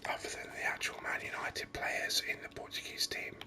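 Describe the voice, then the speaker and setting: Soft ASMR whispering from a gaming video host, delivered slowly and close to the mic, carries their running reflections on the game.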